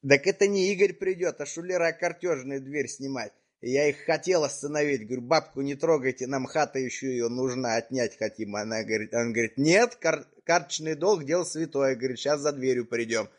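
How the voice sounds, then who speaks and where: A man's voice: mid-range voice, brisk, hardly any pauses. A man improvising a prank phone call in a coarse, slangy, taunting way. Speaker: prank caller.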